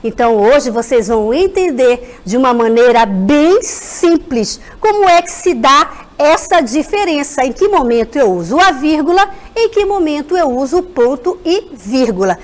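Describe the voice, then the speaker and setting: Brazilian lady teacher on a tv school lesson, high voice that swoops up and down, keeps talking to the kids. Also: moderate pace, few pauses. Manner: animated, keeps addressing the children directly. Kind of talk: televised school lesson for children.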